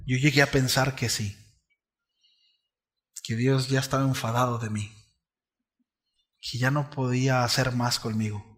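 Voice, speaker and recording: A male pastor delivering a language sermon in a conversational preaching style. He keeps checking in with his listeners. His voice drops to quiet, low asides and then rises to loud, drawn-out declarations. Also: steady tone. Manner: conversational preaching with frequent "¿sí?" check-ins to the congregation; swings between soft, low asides and loud, emphatic declarations.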